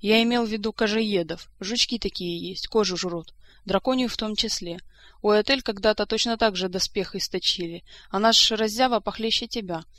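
A woman's voice: mid-range voice, moderate pace, a bit bright, lightly acted. A woman reading the part of a hot-tempered young prince who scolds his careless cousin. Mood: scolding. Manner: exasperated, scolding.

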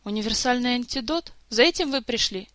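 A man's voice: very high-pitched, fairly quick, fairly bright tone, dry recording, voice pushed up. A woman voicing a tearful, sulky young male prince in an audiobook story, sobbing as he talks. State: crying, sobbing.

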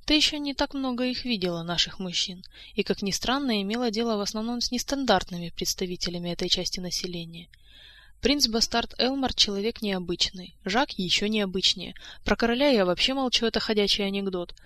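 A woman's voice: mid-range voice, brisk, fairly bright tone, natural voice. A woman reading the part of a frank, wary young court lady, speaking in a confiding, cautionary way. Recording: dry close-mic studio sound.

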